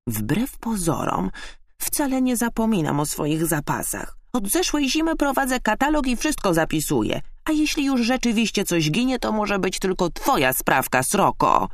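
A man voicing a fussy, excitable female squirrel who speaks agitated and accusing. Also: sits high, moderate pace, no room sound, clean studio sound, pitched above the performer's own voice, full character voice.

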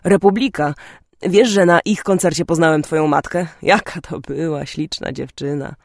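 A woman's voice: deep voice, flat delivery, moderate pace, no echo, studio quality, close to an everyday voice. A woman reading an audiobook, voicing a timid, talkative middle-aged father who speaks hesitantly. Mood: chatty. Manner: hesitant, gently nostalgic.

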